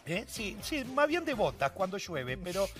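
A man with a high, lively voice tells rambling comic stories and jumps into playful character voices. Music plays clearly behind him. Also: moderate pace. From Uruguay. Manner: playful, rambling, acts out voices in his jokes. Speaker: comic guest.

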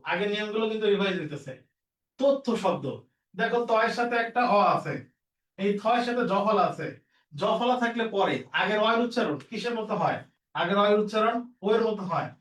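A man's voice: sits high, echoey room, far from the mic, low-quality recording. A man teaching an exam-prep lesson, repeating each rule and quizzing his students as he works through the questions. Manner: repetitive, drilling rules with questions to students.

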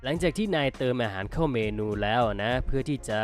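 A Thai man voicing a gruff older male sushi chef who lectures in a lowered, stern voice. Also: lively intonation, fast, faint music behind, lightly acted.

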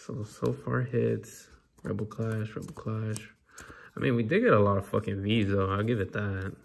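A young man with a creaky, gravelly voice hosts a casual card pack opening. He banters in loose slang and swears freely. There is light background noise with crinkling wrappers. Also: lowish voice, level tone, a little slow. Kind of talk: casual chat while opening card packs. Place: indoors at a tabletop.

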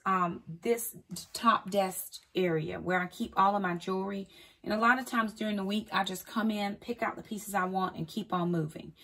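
A husky, fairly bright, medium-pitched woman's voice belongs to a home vlogger in her forties. Filmed in her walk-in closet, she talks casually and cheerfully to camera, saying y'all.

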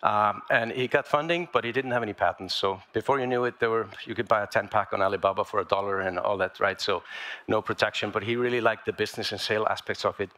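A man from Iceland giving a conference talk about his inventions on stage in a large lecture hall, speaking haltingly with many fillers and restarts. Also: lowish voice, bright, forceful tone.

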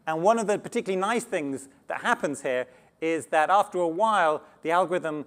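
A man giving a conference talk on slides, animated and often restarting words, speaking to a live audience. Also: on the high side, fairly quick. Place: conference stage before an audience.

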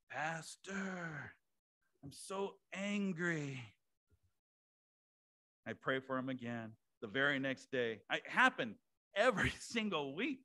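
A man's voice: high voice, sharp tone. A male pastor preaching a sermon to his congregation in a conversational way, with asides to the room. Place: church sanctuary.

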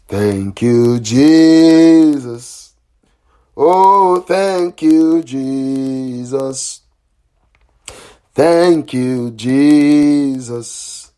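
A pastor with a warm, smooth, medium-pitched voice leads a prayer line over the phone. He prays fervently, repeating and chanting commands, and breaks at times into speaking in tongues.

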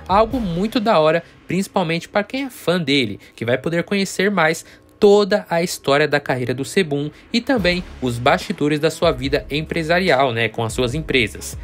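A man's voice: fairly high pitch, fairly bright tone. A Brazilian man hosting a bodybuilding news channel, narrating casually and speaking directly to his viewers. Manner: chatty, addresses viewers directly as friends.

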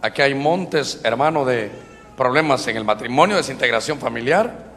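Brief: Honduran male preacher, bright and forceful tone, echoing church hall. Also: mid-range voice, lively intonation, normal speed. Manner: emphatic, constantly addresses the congregation as brother. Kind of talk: sermon.

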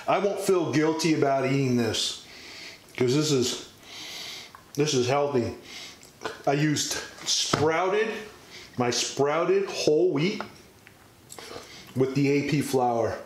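A man's voice: fairly high pitch, takes it slowly, long pauses, echoey room, a little hiss or hum, rough recording. A man hosting a home baking vlog, chatting and humming as he eats, sometimes with his mouth full. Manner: eats on camera while talking, with mouth full, many appreciative hums; chatty and self-deprecating. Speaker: home baker, channel host. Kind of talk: casual cooking vlog sign-off.

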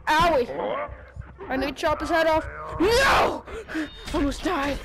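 A woman giving casual gameplay commentary, excitable and swearing, making silly sound effects. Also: high voice, moderate pace, vocal fry, crowd noise. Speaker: gamer playing on stream.

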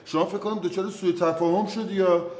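An actor playing a flustered young husband and doctor in a sitcom, defensive and pleading, lecturing when cornered. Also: male voice, sits high, steady tone, a little mellow, close to an everyday voice. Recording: roomy set with faint noise.

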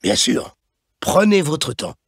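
Guy doing a bossy fussy office chief, gravelly, lots of "hein", up and down voice. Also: a little high, very animated, no room sound, clean studio sound, full character voice. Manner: chiding, repeats "hein", quick and emphatic. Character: fussy blustering middle-aged male office boss.

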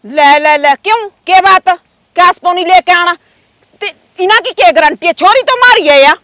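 A woman playing a possessed woman who shouts and mocks in a strange dialect. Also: very high-pitched, lively intonation, fast talker, no room sound, clean studio sound. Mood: shrill mocking. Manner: shouting, mocking, odd dialect words. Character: possessed woman, loud and mocking, spirit voice.

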